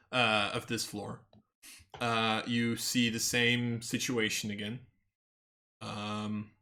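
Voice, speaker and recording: Bright-voiced man running a tabletop game. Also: lowish voice. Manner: casual, laughs often, swears. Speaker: game master.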